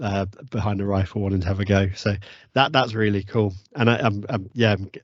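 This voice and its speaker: A man hosting a podcast interview in casual chat, halting and repeating words as he goes. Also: fairly low pitch, steady tone, dry recording, muffled recording. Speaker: podcast host.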